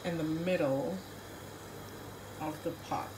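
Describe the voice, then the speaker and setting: A woman's voice: sits low, steady tone, takes it slowly. A Haitian woman cooking in her home kitchen, chatting casually to viewers and filming on a phone held in one hand. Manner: chatty, rambling asides to viewers. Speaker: cooking vlogger. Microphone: phone camera held in one hand. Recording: echoey kitchen, stove and pot noise.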